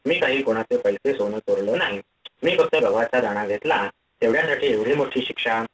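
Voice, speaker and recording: A man's voice: medium pitch, a little fast, fairly bright tone, slight background noise, close to an everyday voice. Trapped myna bird, pleading, complaining, storybook fable, voiced by a man, distant mic.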